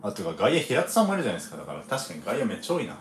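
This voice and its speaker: A man who is a former baseball pitcher hosts a relaxed livestream, chatting casually, reading viewer comments and laughing often. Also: very fast, reverberant, slight background noise.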